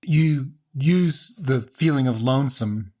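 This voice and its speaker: A man hosts a music interview, asking curious, searching questions. His voice sits at a middle pitch and he feels his way through each question. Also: slow pace, warm tone. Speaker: interviewer host.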